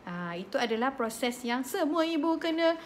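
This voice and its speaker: A woman in her thirties with a Malaysian accent, hosting a parenting talk and telling stories in a chatty, animated way. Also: high voice, normal speed, a little hiss or hum. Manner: chatty, code-switching, animated storytelling. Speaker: host of a parenting slot. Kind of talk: casual live chat, storytelling.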